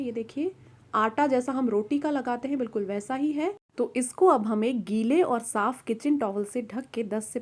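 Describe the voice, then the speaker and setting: A woman with a fairly high voice guides viewers through a recipe one step at a time. Her tone is friendly and instructional, as in a cooking-show voice-over. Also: darkish tone.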